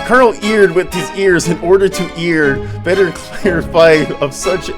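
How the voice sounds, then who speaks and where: Reading his own comedic writing over music, this author performs theatrically and keeps dissolving into stifled laughter. He has a high voice, a measured pace, and a slightly congested, sinus-blocked sound.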